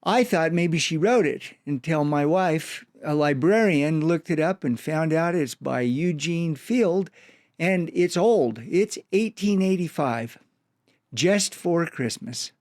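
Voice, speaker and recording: High-voiced man with a slow cowboy drawl. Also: animated, darkish tone, dry recording, studio quality. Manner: cowboy drawl with folksy dialect. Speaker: cowboy poet, storyteller. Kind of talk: animated recitation of folksy cowboy poetry.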